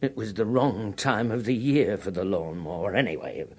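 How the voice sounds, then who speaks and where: A man with a husky voice reading a comic first-person story in a wry, put-upon way. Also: lowish voice, normal speed.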